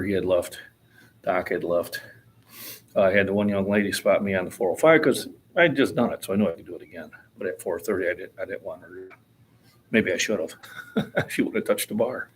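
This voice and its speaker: His voice sits low, with slight background noise, as this sixty-something fitness vlogger rambles casually at the gym about his lifting. Plainspoken throughout, he chuckles easily.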